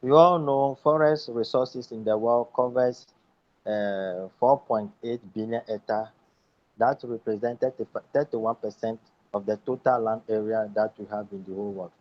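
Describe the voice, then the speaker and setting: A man's voice: on the low side, steady tone, normal speed. A man from Ghana, an environmentalist, presenting his work steadily as a guest on an online panel. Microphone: video call. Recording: dull lo-fi video call audio.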